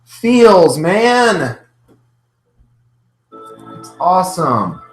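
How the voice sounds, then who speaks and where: A man's voice: sits high, big pitch swings, drawn-out words. A man hosting a casual reaction video, commenting with gushing, repetitive fan enthusiasm. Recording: roomy echo, faint music behind.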